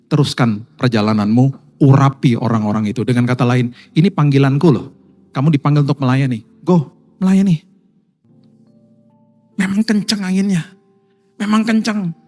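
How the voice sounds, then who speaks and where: A male pastor with an Indonesian accent preaching a sermon to his congregation, swinging between hushed, intimate passages and loud, emphatic ones. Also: mid-range voice. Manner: addresses congregation as Bapak Ibu.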